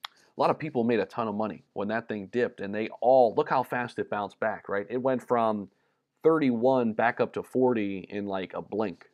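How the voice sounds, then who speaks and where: Over a muffled recording, a man from the United States runs a casual crypto livestream, chatting through viewer comments with lots of ums and repeats. His voice is fairly low, his speed normal, and he sounds a little worn from slightly losing his voice.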